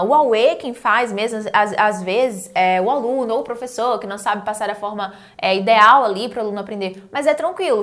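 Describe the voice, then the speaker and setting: A Brazilian woman teaches an online English grammar lesson in a slightly high voice. She explains patiently, asks questions and answers them herself. She says the English example words slowly and clearly. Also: fairly bright tone. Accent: Brazilian Portuguese.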